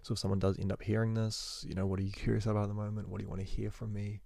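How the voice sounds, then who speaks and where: A young man, a university student, rambling through a casual spoken journal into his phone, talking fast and correcting himself as he goes. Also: lowish voice, level tone, gravelly, dark tone, no room sound, studio quality. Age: young adult. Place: indoors at home. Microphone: phone recording.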